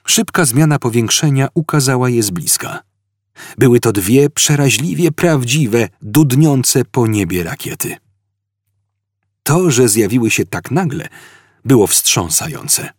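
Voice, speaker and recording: Male audiobook narrator, expressive and dramatic, husky, dry close sound. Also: mid-range voice, unhurried, no room sound.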